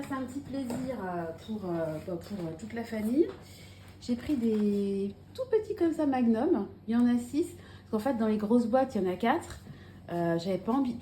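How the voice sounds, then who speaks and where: A woman's voice: mid-range voice, mellow, a little hiss or hum. A woman in her thirties chatting casually at home as a family vlogger, unpacking a grocery haul with many fillers and restarts. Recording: echoey room with faint ambience.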